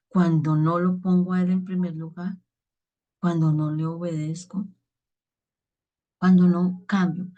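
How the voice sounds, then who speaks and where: A woman's voice: on the low side, mellow. A woman preacher giving an earnest spoken reflection on the daily gospel, often checking in with her listeners.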